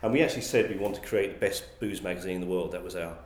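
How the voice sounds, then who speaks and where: A deep-voiced Englishman speaks rapid-fire as a guest in an interview, where he appears as a magazine publisher. He answers thoughtfully but often restarts his sentences and repeats words, and the recording sounds roomy and echoey.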